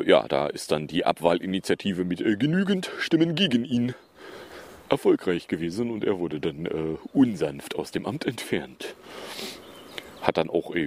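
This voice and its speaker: A man's voice: deep voice, darkish tone. A man hosting a podcast, running through recent news in a casual, sarcastic way with lots of fillers and asides. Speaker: podcast host. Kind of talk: casual news review chat.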